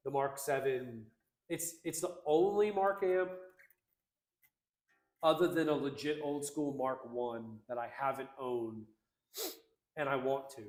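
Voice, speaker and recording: A man's voice: medium pitch, roomy sound. A man co-hosting a casual livestream, reading out chat comments in an upbeat, slangy, rambling way.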